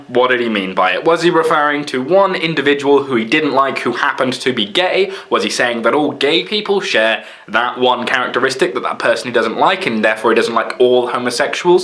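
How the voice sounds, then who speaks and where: A man's voice: mid-range voice, bright, forceful tone. A young British man talking in an unscripted vlog, blunt and sarcastic, swearing freely and jumping into mocking voices for quotes. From Britain. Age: young adult. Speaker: vlogger. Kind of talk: unscripted casual vlog monologue.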